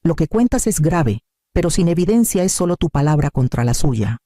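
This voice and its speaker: A man's voice: on the high side, very animated, normal speed, dark tone, no room sound, studio quality. A man doing a blunt, firm older woman. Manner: firm, plain, no frills. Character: blunt older woman, retired court colleague.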